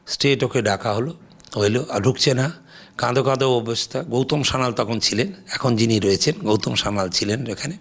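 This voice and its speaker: Gravelly older man telling stories. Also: medium pitch, a little fast. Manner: lively raconteur, acts out quoted people in Hindi. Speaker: interview guest. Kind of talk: storytelling anecdotes in an interview.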